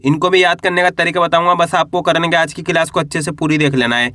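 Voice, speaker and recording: High bright-voiced male Hindi teacher. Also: steady tone. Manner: repeats each sound slowly, asks the learner to echo it; stretches vowels and syllables in drawn-out teaching pronunciation. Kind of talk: alphabet lesson with call-and-response drills.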